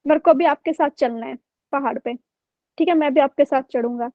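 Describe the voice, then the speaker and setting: A woman's voice: high voice, a little fast, dry recording, highs cut off, lightly acted. A woman teacher voicing a stubborn, insistent little boy in a story she tells.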